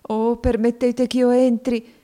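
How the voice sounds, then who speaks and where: A woman's voice: fairly high pitch, little pitch movement, slow pace, mellow, voice pushed up. A woman voicing a grief-stricken young girl who sobs and wails in desperate, wild lament. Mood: sobbing despair. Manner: desperate, wailing, sobbing.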